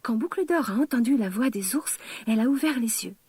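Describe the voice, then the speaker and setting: A woman reads a children's fairy tale aloud in a gentle, expressive manner, slowing down on key words. Her voice is a little high and breathy. The sound is close and dry. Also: no room sound. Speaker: storyteller. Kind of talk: children's story narration.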